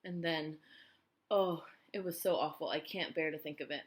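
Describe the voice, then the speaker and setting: A woman voicing a gentle, motherly female spider in a storybook, tender and anxious. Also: low-pitched, moderate pace, lightly acted.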